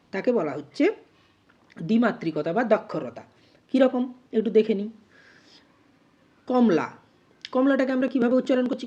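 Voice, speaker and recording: A woman teacher explaining grammar, spelling out words slowly syllable by syllable. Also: a little high, dark tone, slightly rough, dull audio. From West Bengal, India. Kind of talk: grammar lesson.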